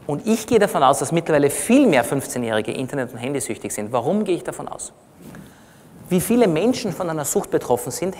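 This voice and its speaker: Speaking from a congress hall stage, this middle-aged doctor gives a conversational, explanatory talk in a reverberant room. Born in Iran and from Austria, he has an Austrian accent and a fairly high pitch. He keeps the teaching plain and drops in quick tag questions to check on his audience.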